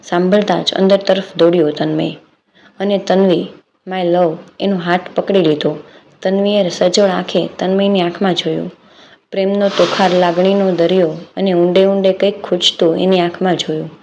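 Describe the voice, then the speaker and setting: Low, flat-voiced woman narrating a story. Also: normal speed. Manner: steady storytelling narration with quoted dialogue. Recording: slightly dull lo-fi audio with faint background noise.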